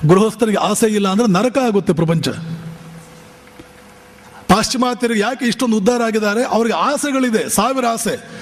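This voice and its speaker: A man's voice: high-pitched, normal speed, long pauses. A monk from giving a spiritual discourse, impassioned and firing rhetorical, scolding questions at his listeners. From Bijapur region, north Karnataka. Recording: long hall reverb.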